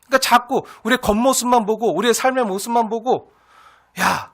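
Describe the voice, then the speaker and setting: A pastor preaching a sermon in an earnest, repetitive way, sometimes acting out the taunts of scoffers. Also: male voice, extremely high pitch, quick pace.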